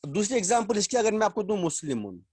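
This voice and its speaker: A man teaching a language class over a video call, explaining slowly, repeating words and quizzing his students. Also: sits high, big pitch swings, darkish tone, breathy edge, no echo, clean studio sound. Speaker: Arabic teacher. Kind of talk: online class lecture.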